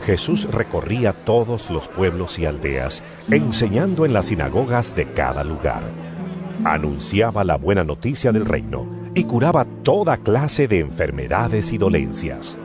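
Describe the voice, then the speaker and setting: Low voiced guy reading the bible, really expressive storyteller, guitar music under it. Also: unhurried. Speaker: narrator. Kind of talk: scripted Bible narration. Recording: music bed behind voice.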